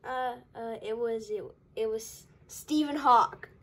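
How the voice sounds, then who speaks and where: A young male fox sidekick plush, voiced by a woman in a homemade toy story. The voice is high and mild, hesitant and full of fillers. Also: slow pace.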